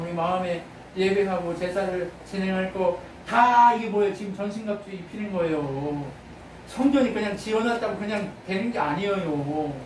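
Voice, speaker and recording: A pastor preaching a sermon, firing questions at the congregation and bursting into loud exhortations. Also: mid-range voice, a little hiss or hum. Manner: fires rhetorical questions at the congregation. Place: church sanctuary. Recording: roomy distant mic.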